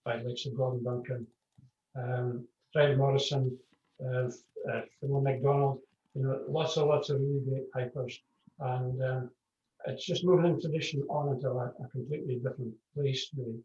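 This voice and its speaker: A Scottish man who plays the pipes, answering interview questions in a relaxed, explanatory way with repeated words. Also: medium pitch, moderate pace. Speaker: piper. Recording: distant, dull, echoey call audio.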